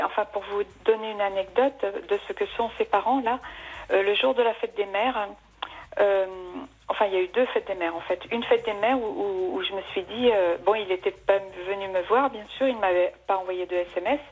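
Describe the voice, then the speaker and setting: A woman's voice: medium pitch, a little fast, husky. Woman caller on a muffled phone line. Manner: rambling storytelling with many restarts. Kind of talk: emotional personal account on live radio. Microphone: telephone.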